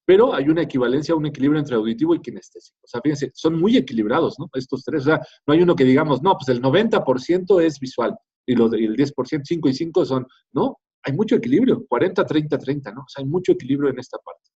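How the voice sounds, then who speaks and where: This teacher lectures a class conversationally, tagging many phrases with "¿no?" to check in with students. His mid-range voice is mellow and slightly rough, with lively intonation and a quick pace, captured in a dull lo-fi classroom recording.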